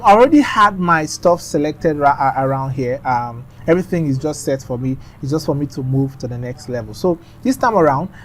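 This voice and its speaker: A man talking through a screen-recorded design tutorial in a chatty, instructive way, often trailing off into mumbles. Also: a little high.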